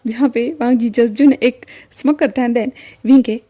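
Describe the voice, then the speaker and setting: A woman's voice: a little high, normal speed, dark tone. A woman narrating a fan-fiction story in a chatty way, full of fillers and mixed-in English words.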